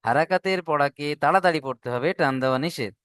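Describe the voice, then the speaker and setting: Male Quran-reading tutor, patient and repetitive. Clear, slightly high voice on a dry close mic. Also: fairly bright tone, dry recording. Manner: patient, drills syllables slowly and repeats. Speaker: Arabic reading teacher. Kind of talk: online class instruction.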